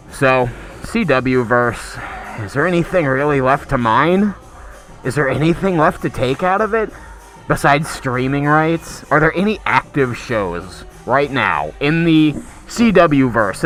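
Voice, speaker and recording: A man's voice: mid-range voice, a bit bright. A man hosting his own show, ranting casually and sardonically about TV and streaming, swearing all the time. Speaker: host. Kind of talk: casual profane commentary.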